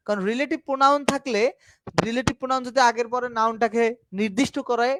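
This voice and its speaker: Man with a Bangladeshi Bengali accent, English teacher, high voice, dry close sound, checks that students follow. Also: fairly bright tone, dry recording. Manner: explains slowly, keeps asking students if they follow; mixes English grammar terms into his talk. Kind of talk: online class lecture.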